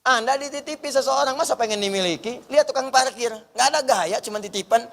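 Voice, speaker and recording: A man preaching an Islamic sermon to a live audience, animated and repeating short punchy phrases for emphasis. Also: very high voice, fast talker, creaky, big-room sound. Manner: animated, acts out everyday scenes and quoted voices.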